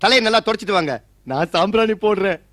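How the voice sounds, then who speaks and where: A fussy, apologetic father-in-law who apologizes and fusses over the younger man. His voice sits fairly high for a man. The sound is dry and close. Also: fast, a bit bright, no room sound. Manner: apologetic, fussing. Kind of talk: Tamil stage comedy acting.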